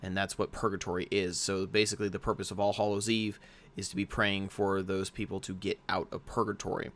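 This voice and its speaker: Rambling young American man, low voice. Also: flat delivery, fairly quick, a bit bright. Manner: rambling, with frequent fillers and restarts. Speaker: host. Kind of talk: casual explainer talk.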